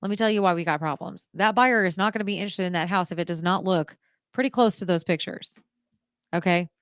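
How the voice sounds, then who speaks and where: A woman's voice: lowish voice, fast talker, fairly bright tone, clear, resonant tone, no echo, clean studio sound. A woman hosting a radio show on her own, giving real estate advice in a chatty, emphatic way that speaks straight to listeners.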